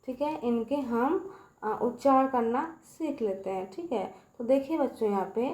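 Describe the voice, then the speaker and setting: Female tutor, slightly high voice, patient call-and-response teaching style, echoey room. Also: a little slow, darkish tone. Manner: addresses kids repeatedly, checks with "ठीक है" and quiz questions. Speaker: English teacher. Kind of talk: Hindi classroom-style video lesson.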